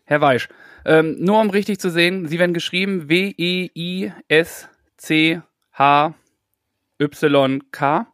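A man's voice: a little high, slow pace, fairly bright tone, no echo, studio quality. A man playing a mock-earnest tenant or surveyor in an improvised comic phone role-play, formal, polite and a little hesitant. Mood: officious.

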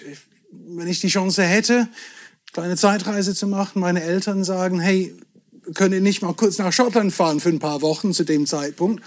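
A middle-aged man from southwest England, whose first language is English, chatting as a podcast guest and telling stories with self-deprecating humour. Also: high-pitched. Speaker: podcast guest, whisky entrepreneur. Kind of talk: casual chat.

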